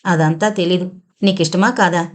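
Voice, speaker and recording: A woman's voice: fairly low pitch, steady tone, normal speed, close to an everyday voice. A woman voicing an impulsive young man who insists on a straight answer, in an audio novel. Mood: insistent.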